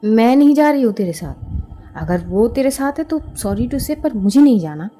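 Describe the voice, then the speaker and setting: A woman acts out a protective young friend who speaks her mind bluntly. Her voice is fairly high and soft-toned. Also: animated, normal speed. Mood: refusing. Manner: frank, firm, outspoken.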